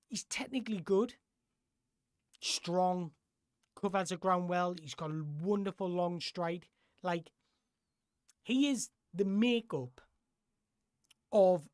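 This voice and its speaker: A football host on a live stream, talking things through in a loose, chatty way and often backing up to rephrase mid-sentence. The voice sits at an ordinary middle pitch. The sound is close and dry, with no room echo. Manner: rambling, self-correcting, chatty. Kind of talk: casual live-stream chat answering viewer questions.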